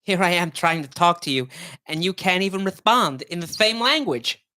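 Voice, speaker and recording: A man's voice: sits high, expressive, moderate pace, no echo, pitched above the performer's own voice. A man doing a lisping young teen girl. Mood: gentle. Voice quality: exaggerated lisp. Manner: gently persuasive. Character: calm, earnest girl of about fourteen. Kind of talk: reading a game epilogue aloud.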